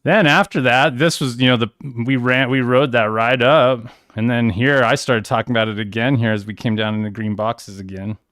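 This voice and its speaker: A man's voice: mid-range voice, fairly even intonation, moderate pace, hardly any pauses, a bit bright, no room sound, studio quality. A man hosting a crypto trading livestream, casually walking through charts in a rambling, self-correcting way. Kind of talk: casual screen-share walkthrough.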